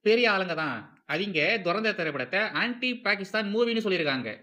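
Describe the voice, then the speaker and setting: Fast and sharp-toned, a high-voiced man with lively intonation hosts a film commentary series in a Tamil Nadu accent. He's informal and opinionated, hammering points emphatically and repetitively, posing rhetorical questions, and mixing in English phrases.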